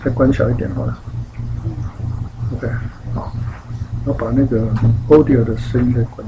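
A man's voice: medium pitch, normal speed, dull audio, background noise. A man giving a casual lecture, telling anecdotes and acting out the voices of people in his stories. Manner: animated, acts out quoted voices in stories. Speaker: lecturer on spiritual teachings.

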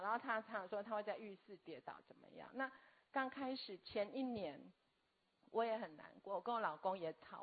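A woman, telling a personal story earnestly and haltingly as a guest. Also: mid-range voice. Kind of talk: personal testimony. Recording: tinny phone-like audio.

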